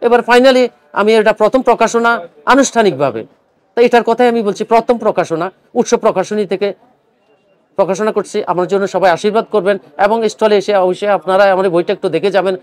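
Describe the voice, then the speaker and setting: A man's voice: sits high, fast talker. An older man, a poet, talking earnestly about his book and then reciting his own poem. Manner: earnest, pleading; mixes English words into speech. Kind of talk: speaking to camera at a book fair; poetry recitation.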